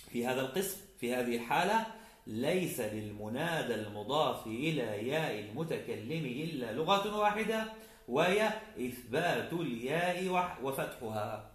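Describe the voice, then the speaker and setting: A man lecturing on grammar in a roomy, echoing space, his voice sitting at an ordinary middle pitch. He lays out each rule in order and stretches out the spoken examples slowly so students can follow. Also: fairly bright tone. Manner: explains step by step, drawing out the example words slowly. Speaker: grammar teacher. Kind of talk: classical Arabic grammar lecture.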